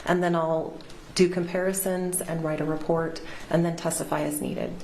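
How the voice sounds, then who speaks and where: A middle-aged woman gives measured, precise expert testimony from a witness stand microphone, heard in a courtroom recording. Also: sits low, level tone, darkish tone. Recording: roomy courtroom sound with faint hiss.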